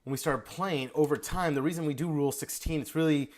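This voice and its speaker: Energetic man singing drum rhythms. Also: on the high side, fast. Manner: energetic, sings rhythms aloud. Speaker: drum instructor giving feedback. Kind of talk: video lesson feedback.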